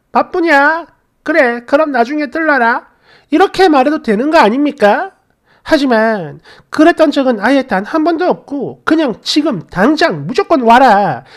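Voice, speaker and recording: A woman's voice: high voice, a little mellow. A middle-aged woman narrating a first-person family story, indignant and confiding, addressing the listener directly.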